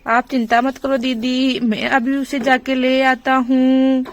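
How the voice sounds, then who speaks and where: A woman's voice: sits high, flat delivery, slow, slight background noise. A woman voicing a young village man, a helpful brother-in-law who speaks eagerly and reassuringly, in a doll story role-play.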